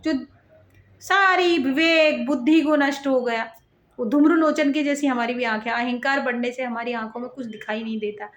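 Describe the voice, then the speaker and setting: A woman's voice: sits high, moderate pace, roomy sound, muffled recording. A woman reciting a devotional scripture and explaining it in her own words, with frequent rhetorical asides.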